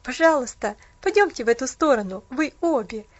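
A woman voicing a polite, concerned young man who speaks in a courteous, hurried way. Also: fairly high pitch, expressive, highs cut off, natural voice.

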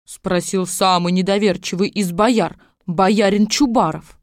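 A woman narrating a fairy tale audiobook in a calm, even storytelling manner. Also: medium pitch, a little slow, dry recording, studio quality.

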